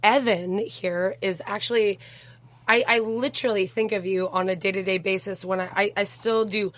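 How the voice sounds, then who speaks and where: A woman in her thirties with a tired, raspy smoker's voice, chatting casually. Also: mid-range voice, steady tone, moderate pace. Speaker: bartender, podcast guest. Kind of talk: casual chat.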